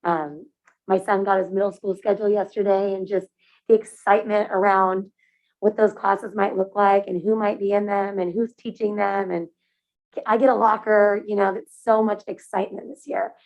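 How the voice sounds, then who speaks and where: A woman on a school board, who is also a parent, speaks in an upbeat, chatty way. Her voice sits at a middle pitch. The recording sounds dull and muffled. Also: level tone, moderate pace, gravelly. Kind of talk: casual remarks at a board meeting. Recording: muffled meeting-room audio.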